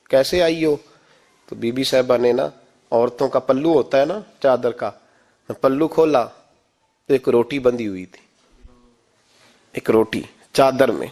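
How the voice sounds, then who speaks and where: A man's voice: medium pitch, a little mellow. A man with a Pakistani Urdu accent preaching a sermon, impassioned and emphatic, acting out voices from the stories he tells. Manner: impassioned, rising to emphatic peaks, quoting figures in stories.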